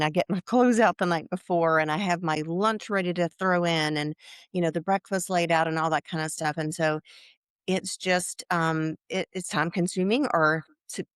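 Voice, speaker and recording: A woman in her sixties, interviewed as a client, talking in a halting way with many fillers and restarts. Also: lowish voice, clean tone, no room sound, clean studio sound. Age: 60s. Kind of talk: casual interview.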